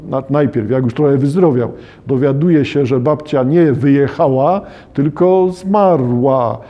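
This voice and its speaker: Dark-voiced man musing on literature. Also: medium pitch. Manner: thinks aloud, rephrasing and questioning himself. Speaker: podcaster discussing a children's novel. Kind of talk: reflective literary commentary with read-aloud passages.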